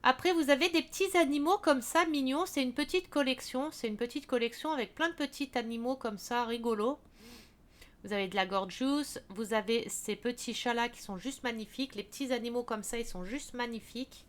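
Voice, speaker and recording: Chatty French-speaking woman, slightly high voice. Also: fairly quick. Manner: chatty, many fillers and restarts. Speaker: craft video creator. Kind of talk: casual product walkthrough.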